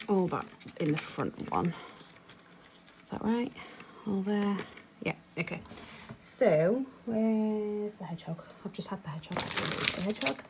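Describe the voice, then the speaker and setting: A woman's voice: medium pitch, lively intonation, a little slow, long pauses, noisy background. A young British woman chatting casually and rambling as she counts and sorts her cash. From United Kingdom. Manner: chatty, rambling, self-laughing. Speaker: vlogger.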